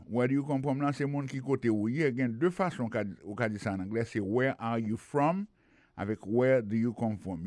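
A man with a Haitian Creole accent teaching English as a language lesson, explaining in Creole and French and reading English phrases slowly and a little louder. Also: mid-range voice, no room sound.

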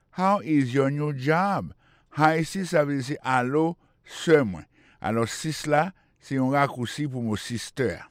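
A man's voice: mid-range voice, dry recording. Guy doing a radio english lesson, spells words out, repeats stuff, dry close sound. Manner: explains words slowly, repeating and spelling them out. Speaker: radio English teacher and host.

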